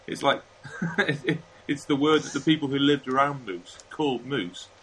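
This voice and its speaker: Podcast co-host, man from Wales, mid pitch, anecdotal and chatty, light room noise. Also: moderate pace, a bit bright, poor audio. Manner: anecdotal, acts out dialogue. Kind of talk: casual chat.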